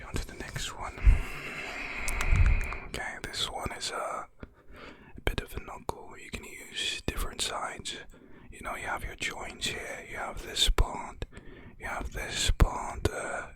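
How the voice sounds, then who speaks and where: An ASMR creator whispering a tutorial on hand and nail sounds close to the mic, with joking, slangy asides. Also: unhurried.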